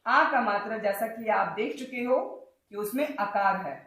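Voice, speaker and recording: High-voiced teacher woman, echoey room. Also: a bit bright. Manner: drawn-out, syllable-by-syllable word demonstrations. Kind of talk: Hindi lesson for children.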